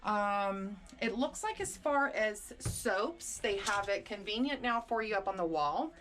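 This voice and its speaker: A woman's voice: mid-range voice, animated, a little slow, fairly bright tone. A woman vlogger chatting casually as she walks through and shows a room, a little out of breath. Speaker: vlogger giving a room tour. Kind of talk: casual room tour narration.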